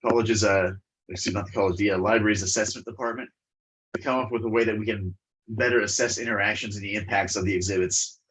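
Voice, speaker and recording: Low-ish voiced guy presenting on a video call, stuffy and congested, lots of uhs. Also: steady tone, quick pace, fairly bright tone, low-quality recording. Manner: hesitant, many fillers and restarts. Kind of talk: webinar presentation and Q&A.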